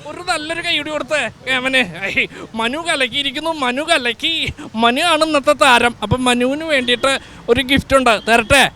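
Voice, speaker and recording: A man plays a merry King Mahabali hosting a street show, his voice pitched very high and bright. He teases and jokes with passers-by and throws out playful exclamations. Faint street noise sits under the voice. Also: normal speed. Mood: cheerful. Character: jolly King Mahabali, male, festive and teasing. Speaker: host. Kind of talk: comic street show with quizzes and giveaways.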